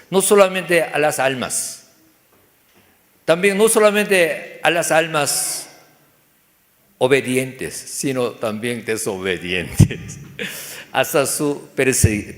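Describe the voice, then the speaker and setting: Slow, lively pastor preaching. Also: male voice, mid-range voice, big-room sound. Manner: simple broken Spanish, rhetorical questions, acts out dialogues. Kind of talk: sermon. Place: church.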